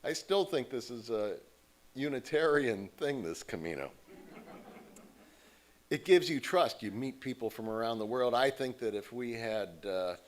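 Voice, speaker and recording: Here a guest at a church service, an American man, chats from the pulpit and tells stories, voicing the people he quotes. He has a medium-pitched voice with lively intonation and a measured pace.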